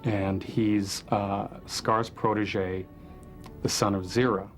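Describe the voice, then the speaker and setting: With music behind him, a man being interviewed for a documentary as a film director reflects thoughtfully, emphasizing ideas through repetition. He takes it slowly, his lowish voice showing little pitch movement.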